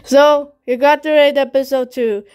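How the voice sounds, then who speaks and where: A woman playing a pet game and voicing the pets in a playful, halting, sing-song way with broken phrasing. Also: high-pitched, steady tone, a little mellow, faint music behind. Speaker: game video maker.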